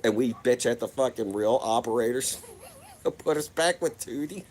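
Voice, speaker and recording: A man's voice: mid-range voice, moderate pace, a little mellow, a little hiss or hum. A man telling rambling, profane stories in a laid-back, casual vlog monologue. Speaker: vlogger.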